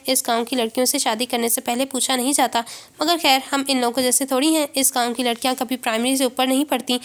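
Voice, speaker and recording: A woman's voice: high-pitched, lightly acted. A woman reading the part of a patient married woman who speaks in a soothing, reasonable way. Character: calm, patient married woman, gently firm.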